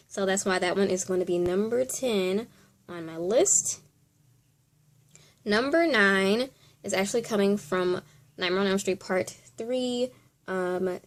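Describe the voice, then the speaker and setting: A woman's voice: mid-range voice, a little mellow. Chatty woman hosting a top ten countdown. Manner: chatty and informal, thinking aloud. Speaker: video host.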